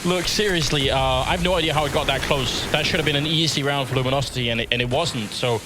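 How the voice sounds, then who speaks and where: A man's voice: mid-range voice, fast, background noise. A man casting esports, giving conversational analysis of the match.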